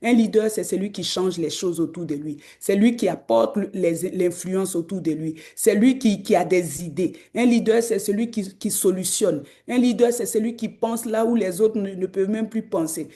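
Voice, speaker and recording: A woman preacher, delivering an exhorting sermon that climbs to loud, emphatic peaks. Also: mid-range voice, normal speed, hardly any pauses. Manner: acts out quoted voices.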